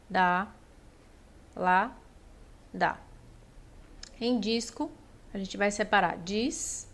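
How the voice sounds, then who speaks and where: A woman with a Brazilian Portuguese accent giving a patient exam-prep lesson, stretching out syllables and checking in often with the class. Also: a little high. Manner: patient, drawn-out syllables, frequent "né?" and "ó". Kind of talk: explanatory lesson.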